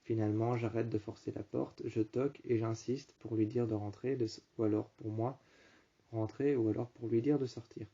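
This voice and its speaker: A man telling a first-person story, halting and often repeating and rephrasing his phrases. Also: mid-range voice, fairly even intonation, vocal fry, mellow, husky. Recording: dull lo-fi recording.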